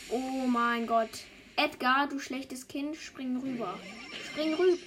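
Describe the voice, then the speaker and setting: A woman giving casual gameplay commentary, excitable, often pleading and exclaiming as she plays. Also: high-pitched, slow, noisy background. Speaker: gamer. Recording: game music behind the voice.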